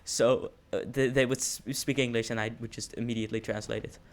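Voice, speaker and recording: A man's voice: mid-range voice, flat delivery, fairly quick, a little hiss or hum. A teenage man from the Netherlands with a Dutch accent, chatting casually in English with many hesitations and restarts. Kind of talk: casual chat.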